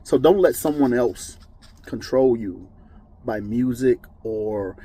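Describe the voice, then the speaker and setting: A man's voice: mid-range voice, takes it slowly, mellow, husky, low-quality recording. A man giving an informal Bible teaching, conversational and emphatic, often checking in with "okay?". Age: adult with children. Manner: emphatic, moralizing. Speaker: preacher.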